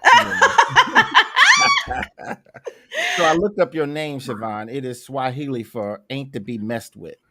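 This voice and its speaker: A man's voice: medium pitch, huge pitch swings, slow, long pauses, sharp tone, no room sound, clean studio sound. A man hosting a podcast in casual chat, telling stories with a laid-back, joking manner. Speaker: podcast host.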